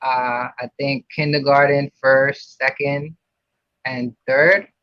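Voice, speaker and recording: Speaking slowly in a medium-pitched, level voice, a Puerto Rican man discusses his childhood as a guest on a podcast. The casual interview is full of his fillers and restarts, and the dry recording sounds dull and lo-fi.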